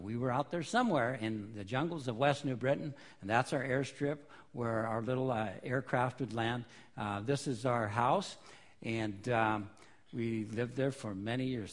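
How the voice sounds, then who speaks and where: A middle-aged man gives an informal missionary talk in church, speaking in a hesitant, reflective way with pauses. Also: mid-range voice.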